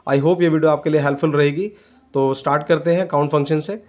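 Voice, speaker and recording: This is a screen-recorded software tutorial where a man, a computer tutor, explains a spreadsheet in steps. He talks at a quick pace in a steady, slightly high, slightly mellow voice, blending English terms into Hindi and repeatedly saying "ठीक है".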